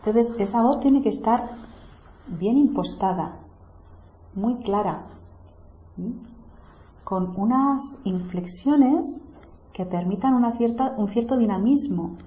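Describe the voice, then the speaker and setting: A woman, a meditation teacher calmly explaining to a small group seated in a circle. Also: fairly high pitch. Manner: calm, explanatory, unhurried. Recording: roomy, dull lo-fi room recording.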